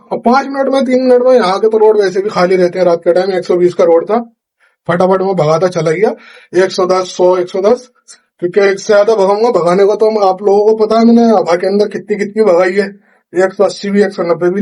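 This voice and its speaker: Young Indian man, high voice, chatty storyteller vlogging from his kitchen at night. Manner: chatty, animated retelling with quoted dialogue. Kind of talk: casual storytelling vlog.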